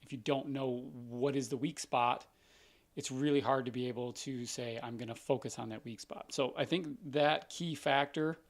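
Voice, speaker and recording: This is a man's mid-range, scratchy voice: a doctor running a live Q&A stream. He explains casually, leaning on everyday examples, with fairly even intonation at a moderate pace.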